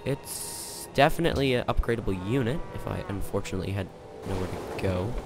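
A young man casually commentating his strategy game, excitable and jokey, thinking out loud. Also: fairly low pitch, fairly quick. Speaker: gaming channel host. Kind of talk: let's play commentary. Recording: game music playing behind.

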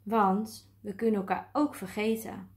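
A woman voicing a calm, sensible male ant in a storybook, who speaks patiently and matter-of-factly. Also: mid-range voice, a little slow, close to an everyday voice.

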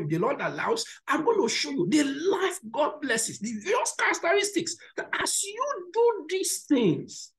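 A woman's voice: fairly high pitch, rough recording. A woman pastor preaching a sermon, exhorting the congregation with repeated words and direct questions. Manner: exhorting and encouraging.

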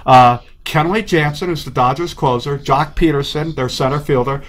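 A man talking about his baseball team in a relaxed, joking, promotional way on a studio talk show. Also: a little high, moderate pace. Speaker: baseball team representative and stadium announcer. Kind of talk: casual studio interview.

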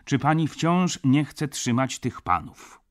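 A man reading an audiobook, voicing a stern male judge who asks brisk questions. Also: mid-range voice, big pitch swings, voice pushed up. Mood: questioning. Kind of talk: audiobook character voice.

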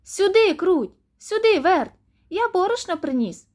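A woman voicing a patient, hardworking rooster in a storybook tale, calling out loud and earnest. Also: high-pitched, big pitch swings, normal speed.

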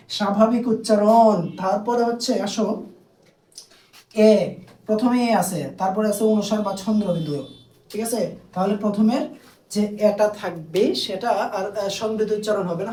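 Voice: medium pitch, warm tone. Teacher w doing a grammar lesson, keeps saying "okay?", draws out example words, sounds a bit far from the mic, roomy. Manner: asks questions and answers them, checks in with "okay?"; repeats key terms slowly, drawing out example words. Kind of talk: recorded online grammar lesson. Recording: echoey room, voice off-mic.

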